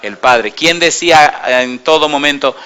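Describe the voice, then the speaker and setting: A male preacher delivering a sermon, his voice bright and forceful. He keeps asking the congregation questions and waits for them to answer. When he tells a story he acts out the dialogue and drops from loud to quiet. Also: on the high side, measured pace, clean tone. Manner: asks the congregation call-and-response questions.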